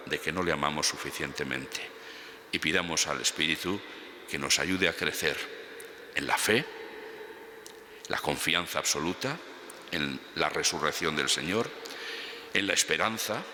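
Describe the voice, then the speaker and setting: A man leading Mass as a priest, speaking solemn, measured homily and prayer in a large, echoing church. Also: rumbling low, pushed and bright. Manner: solemn, measured, devout phrasing. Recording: echoey church with long reverb.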